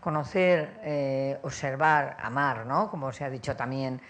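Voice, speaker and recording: A woman's voice: extremely low pitch, unhurried. A woman giving spontaneous, discursive comments and thanks at a conference, feeling her way through phrases.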